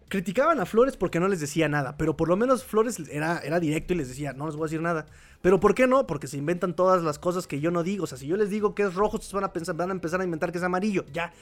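Chatty high-voiced Mexican man. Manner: chatty, opinionated, laughs often, repeats phrases. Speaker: podcast host reading live chat. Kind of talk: casual live-stream commentary.

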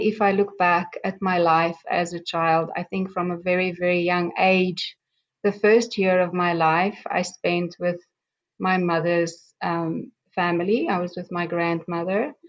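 A middle-aged South African woman, a native Afrikaans speaker with a South African accent, slowly tells her life story as a guest in reflective personal storytelling. She speaks haltingly in a fairly low pitch, with many pauses, ums, and restarts. The sound is dull and lo-fi.

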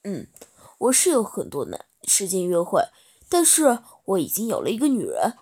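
A woman voicing a shy, stammering eighteen-year-old boy in a storybook reading, with a husky voice. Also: medium pitch, huge pitch swings, normal speed, darkish tone, voice pushed down, exaggerated voice. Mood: nervous, pleading. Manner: stammering, nervous.

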